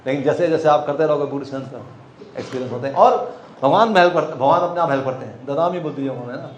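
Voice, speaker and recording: A man telling lively stories to a group, acting out both sides of his conversations and laughing often. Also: fairly high pitch, fast, lo-fi sound. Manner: animated, acts out dialogues, laughs often. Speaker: monk telling book distribution stories. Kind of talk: storytelling talk to a group. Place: temple hall. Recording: echoey hall, faint background noise.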